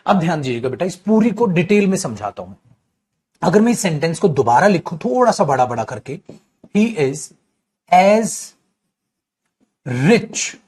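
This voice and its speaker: Online, a Hindi-accented grammar teacher takes his class through the material patiently, his fairly high voice swinging widely up and down. He affectionately calls his students "beta" and keeps putting questions to them, only to answer each one himself. He speaks at a normal pace, with a slightly dark tone.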